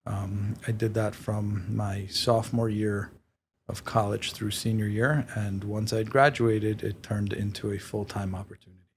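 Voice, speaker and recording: A man born in Israel and raised in New York talks as a podcast guest. His voice is low and very flat, and he speaks hesitantly and modestly, pausing often. Faint noise sits under the recording. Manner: hesitant, many fillers and restarts, modest. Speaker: guest, real estate company president. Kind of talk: podcast interview.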